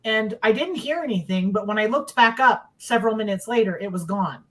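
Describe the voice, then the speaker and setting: Expressive and fairly quick, a medium-pitched middle-aged woman shares a casual personal story about her sightings. She joins by video call from a dim room indoors and leans on emphatic repetition.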